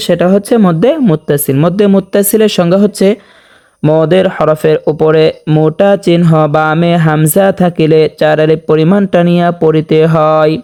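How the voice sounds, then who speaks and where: A man teaching a tajweed lesson, explaining each rule step by step and chanting the verses very slowly. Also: on the high side, dark tone, clean tone. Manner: checks in with "okay?". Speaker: Quran recitation teacher. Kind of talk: tajweed lesson with slow recitation.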